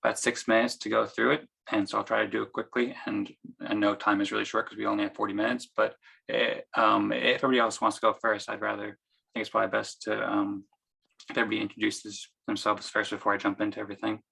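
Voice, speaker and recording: A gravelly, raspy-voiced man from the United States speaks over a video call. His delivery stays flat and level, and his tone is bright and a little tense. He hesitates often and fills the gaps with ums. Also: fairly low pitch, quick pace, poor audio. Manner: hesitant, with many fillers. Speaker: meeting participant and presenter. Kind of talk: casual video-call meeting.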